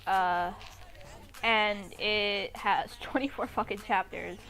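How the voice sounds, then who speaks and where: A young woman casually reads fan fiction aloud and mocks it, giggling and swearing irreverently as she comments on the story. Her mid-range voice is steady and a bit bright, and she takes her time. The audio is poor, with music playing in the background.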